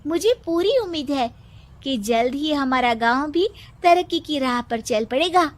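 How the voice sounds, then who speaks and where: A woman's voice: high voice, lively intonation, a little slow. A woman voicing an earnest, hopeful young student girl from a village, explaining herself in a story.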